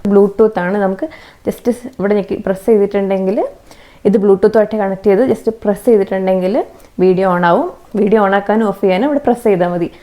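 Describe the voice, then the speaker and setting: A woman's voice: medium pitch, fairly even intonation, brisk, warm tone. A young woman, chatting casually as she reviews budget video gear, explaining each item step by step. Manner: chatty, explains step by step, tags sentences with "kettō". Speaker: YouTuber. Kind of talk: casual product review vlog. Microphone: phone camera, plug-in mic at times.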